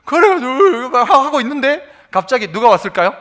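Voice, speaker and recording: A middle-aged man, preaching a sermon as pastor, telling stories and swinging from soft to loud. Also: very high-pitched, big pitch swings, fairly quick. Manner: storytelling, acts out voices, swings from soft to loud.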